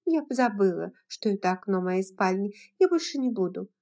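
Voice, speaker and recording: A woman's voice: medium pitch, lively intonation, normal speed, dark tone, natural voice. A woman voicing a willful, spoiled young widowed belle who talks in a petulant, pleading way.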